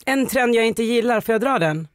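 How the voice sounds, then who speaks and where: A woman guest on a podcast, chatting in a lively, opinionated way. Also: on the high side, no room sound, studio quality. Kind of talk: casual chat.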